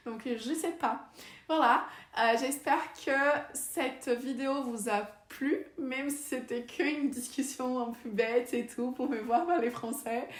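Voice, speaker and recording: Young woman vlogger, chatty and unsure, slightly high voice, roomy echo. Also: slow. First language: Portuguese. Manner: chatty and unsure, with fillers and a laughing aside. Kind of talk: casual chat to camera. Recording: echoey room.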